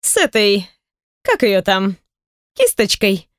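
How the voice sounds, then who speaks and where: A woman's voice: mid-range voice, slow pace, no echo, clean studio sound, full character voice. A woman voicing a chatty, nosy pregnant young friend who teases and pushes. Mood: teasing, excited. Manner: teasing, excitable, pushy. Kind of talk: audiobook character reading.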